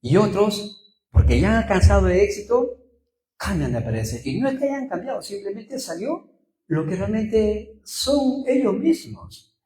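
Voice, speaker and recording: A Peruvian pastor with a Peruvian Spanish accent preaches a sermon full of personal anecdotes, repeating phrases for emphasis and posing rhetorical questions. His high-pitched voice swings widely in pitch, moves a little slowly, and has a dark tone in a roomy-sounding space.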